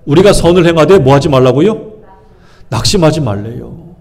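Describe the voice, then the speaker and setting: Preaching at a normal speed, this male pastor has an expressive, slightly mellow voice on the high side. He asks his congregation questions, then answers them himself, voicing people's private thoughts in shifting tones.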